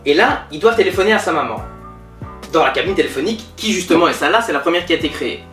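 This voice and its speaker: A man whose voice is a little high and fast, close to how he'd speak every day, plays a pompous, bragging male billionaire entrepreneur in a comedy sketch interview. He boasts smugly while telling lively stories. Faint music sits under a roomy, distant-mic recording.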